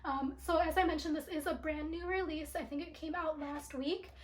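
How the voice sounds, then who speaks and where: A young woman reviews a skincare haul for her casual vlog at a moderate pace and steady tone, chattering with lots of ums and likes. Allergies leave her high-pitched voice a bit raspy, and the room she's in is echoey.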